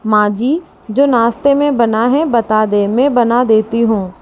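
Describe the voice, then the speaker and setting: A woman voicing a shy, respectful young bride who speaks politely and softly. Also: on the high side, fairly even intonation, a little slow, slight background noise, natural voice. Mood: earnest. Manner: polite, soft-spoken.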